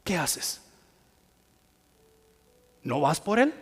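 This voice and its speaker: A man preaches a sermon in a high voice. His delivery is impassioned, sinking to near-hushed phrases and then rising again. The sound carries a long reverb, as if it was recorded in a large hall. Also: very animated, extremely slow, husky. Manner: impassioned, swinging between hushed and loud.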